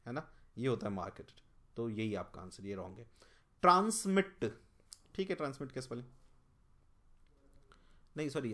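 A teacher talking through a mock test for exam prep, spelling each word out letter by letter. The delivery thinks out loud, tries options and corrects itself along the way. English vocabulary terms are mixed into the explanations. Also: medium pitch. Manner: corrects themself mid-explanation.

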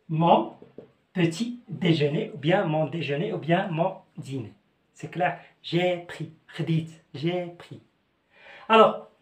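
Moroccan-accented male French teacher, animated delivery, echoey room. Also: high-pitched. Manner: repeats phrases slowly, switching between Darija and French. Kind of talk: language lesson.

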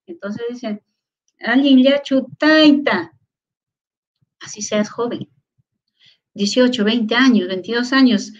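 A woman teaching a lecture on Quechua, sounding out syllables slowly and often stopping to ask whether her listeners follow. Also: on the high side, muffled recording. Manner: asks many rhetorical check questions. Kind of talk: online lecture.

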